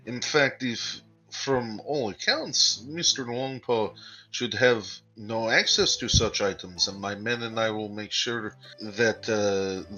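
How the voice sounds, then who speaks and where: A man's voice: mid-range voice, pushed and bright, lo-fi sound. A man speaking in character as a player in a tabletop game, formal and a bit hesitant. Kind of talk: in-character tabletop role-play.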